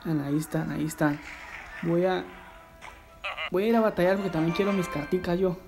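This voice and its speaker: A man hosting a live gameplay stream, chatting excitedly and reading viewer messages aloud. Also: sits high, brisk. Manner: excitable, reads viewer chat aloud, shouts at the game. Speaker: livestreaming gamer host. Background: game music.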